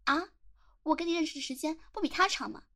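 Audio role-play drama: young woman playing a possessive, contemptuous teen schoolgirl with a high voice, taunting, hurling nonstop abuse. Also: fast. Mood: furious, abusive. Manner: sneering, taunting, bursts into relentless shouted insults. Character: jealous, domineering teenage girl classmate, contemptuous and possessive. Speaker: voice actor.

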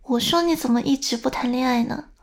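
In this whispered role-play, a woman plays a young older sister with a high, slightly gravelly voice, speaking fairly quickly. She sounds disappointed, scolding sternly near the ear and then turning doting as she coaxes gently.

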